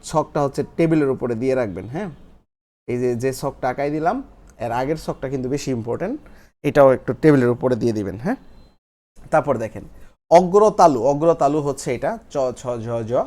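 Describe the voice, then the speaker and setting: A man's voice: mid-range voice, mellow. A young man teaching a recorded grammar class, explaining step by step and repeating each key term for students to write down. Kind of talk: recorded online class lecture.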